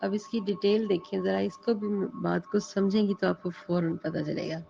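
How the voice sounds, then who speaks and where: A woman's voice: medium pitch, steady tone, creaky, dark tone. Woman teaching scripture in a conversational lecture. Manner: conversational, mixes in English words, recites Arabic verses. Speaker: Quran teacher. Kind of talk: religious lecture explaining scripture. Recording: dull lo-fi audio with faint music.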